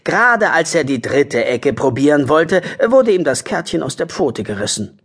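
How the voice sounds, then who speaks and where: A man narrating a children's audiobook in an expressive, storytelling way. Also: a little high, normal speed, slightly rough.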